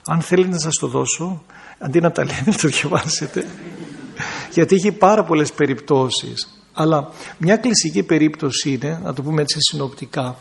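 A man's voice: a little high, creaky. A man who is an Orthodox priest, teaching a group in a conversational sermon and acting out people in quoted bits. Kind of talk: talk to a group with questions.

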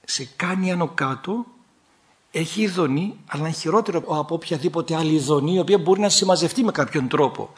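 A man, a priest, preaching a sermon with animated delivery, sudden rises in pitch and humorous asides.

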